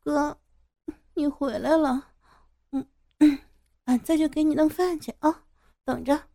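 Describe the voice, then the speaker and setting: Brief: woman voicing a gentle young village girl, high and slow, soft and hesitant. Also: no echo, studio quality.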